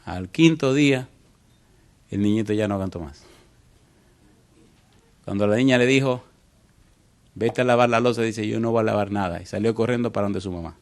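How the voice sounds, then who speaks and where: A man preaching a sermon as pastor, telling a story to his congregation and asking it direct questions, moving from quiet passages to loud cries. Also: lowish voice, normal speed, pauses often. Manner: storytelling preacher, swings from soft to loud exclamations.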